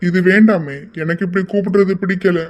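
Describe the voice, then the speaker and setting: A performer voicing a quiet, reserved young man in an amateur audio drama, answering in short, evasive lines. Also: mid-range voice, fairly even intonation, lightly acted. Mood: curt. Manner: curt and evasive, unhurried.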